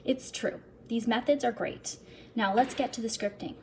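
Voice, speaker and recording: Speaking at a moderate pace in a higher-than-average voice, a woman talks over a noisy background. She's a sincere, chatty self-help vlogger talking to her viewers directly in an upbeat vlog, sometimes reading from her own script.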